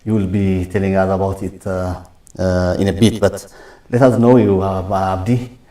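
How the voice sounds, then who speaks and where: A man's voice: low voice, level tone, moderate pace, dark tone, distant mic. A man hosting an interview, asking questions hesitantly with many fillers and restarts. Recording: roomy echo, off-mic.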